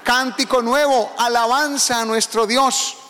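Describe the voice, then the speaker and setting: High-voiced preaching man in a reverberant hall. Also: fairly even intonation, a little slow, pushed and bright. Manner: emphatic preaching, calls out to the congregation. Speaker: pastor. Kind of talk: sermon.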